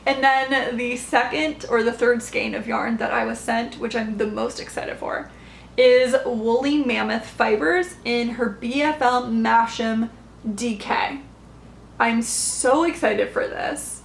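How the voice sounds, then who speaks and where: A woman chatting slowly and casually about her yarn, rambling with plenty of fillers and restarts. Her voice sits a little high and has a gravelly fry to it. The sound is echoey, with a faint hiss of noise behind her. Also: steady tone. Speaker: knitting podcast host. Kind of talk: casual chat showing yarn haul.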